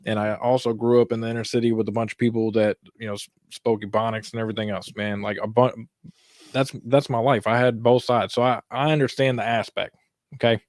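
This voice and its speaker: A man from Kentucky, a guest co-host, talking politics in an animated, casual way with lots of fillers. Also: mid-range voice, fairly quick, no echo, studio quality. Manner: animated, conversational, frequent fillers.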